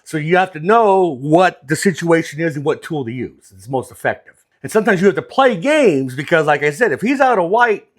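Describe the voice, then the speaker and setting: A man with a fairly high-pitched voice gives casual, hands-on instruction as a craps dealing teacher. He is plain-spoken and walks through each move step by step. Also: lively intonation, a little fast.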